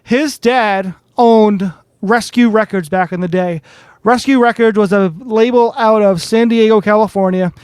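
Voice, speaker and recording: Male podcast host, high, smooth voice, dry sound, eager fan. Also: measured pace, a little mellow, no echo. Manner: eager fan, repeats words when starting. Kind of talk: casual interview.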